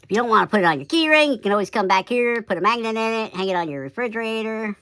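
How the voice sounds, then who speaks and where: A woodcarving instructor walks casually through a step-by-step carving demo, his voice sped to double speed into a chipmunk squeak. It comes out high, expressive, very fast, sharp, clear and resonant, dryly recorded, with folksy "oop" and "yep" asides.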